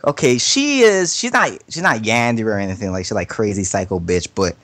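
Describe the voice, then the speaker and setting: Speaking on an anime podcast, a man with a lowish, fairly bright and animated voice rambles about his opinions, with no room sound on the recording. His delivery is casual, halting, slangy, and profane, and he repeats himself often.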